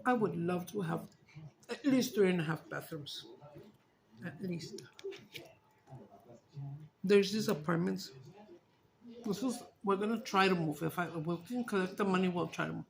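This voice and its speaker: Chicana lady rambling to her viewers, spanglish, sweary and candid, creaky voice, bit of background noise. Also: on the low side, moderate pace, long pauses, low-quality recording. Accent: Chicano English. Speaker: mukbang vlogger. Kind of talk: casual chat to viewers, switching between English and Spanish. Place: small dining and living room at home.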